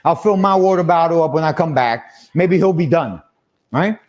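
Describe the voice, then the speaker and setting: A young man with a high voice spins a casual story for his stream audience. He is animated, laughs often and acts out everyone's lines. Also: moderate pace, muffled recording.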